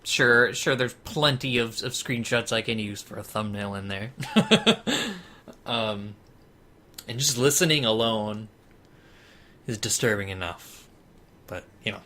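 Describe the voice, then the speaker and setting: A man's voice: lowish voice, slow, long pauses, pushed and bright. A man giving laid-back, rambling commentary while playing a video game. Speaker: gameplay video host. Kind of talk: casual gameplay commentary.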